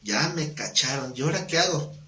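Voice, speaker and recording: A man's voice: fairly high pitch, lively intonation, a little fast, sharp tone. A man playing a lazy, scheming steward. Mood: mock worried. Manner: casual, mocking, slangy. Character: scheming lazy male steward caught stealing. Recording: echoey room.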